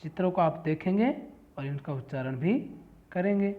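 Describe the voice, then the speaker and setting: A man's voice: on the high side, animated, normal speed. A man teaching a lesson, reading each word aloud and then giving its meaning. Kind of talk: classroom lesson explaining Sanskrit words. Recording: tinny phone-like audio.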